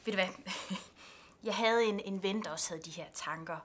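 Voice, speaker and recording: An actress playing an absent-minded counselor who is dismissive and laughs lightly while not really listening. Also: female voice, mid-range voice, close to an everyday voice. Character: distracted, careless female counselor. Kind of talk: student film acting.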